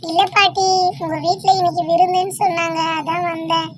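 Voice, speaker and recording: A woman's voice: very high voice, flat delivery, brisk, heavy background noise. A woman voicing an eager, polite young boy visiting his grandmother in a cartoon.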